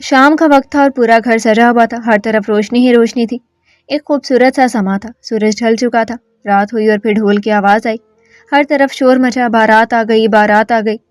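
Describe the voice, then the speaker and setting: High-voiced woman narrating a sad story. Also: fairly even intonation, no room sound, clean studio sound, faint music behind. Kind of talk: scripted first-person story narration.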